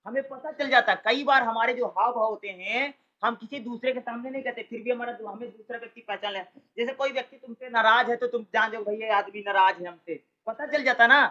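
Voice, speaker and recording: Bright-voiced male teacher, lo-fi recording. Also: extremely high pitch, fairly even intonation, brisk, hardly any pauses. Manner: keeps asking rhetorical questions and answering them; calls listeners "brother", colloquial. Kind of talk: explanatory exam-prep lecture.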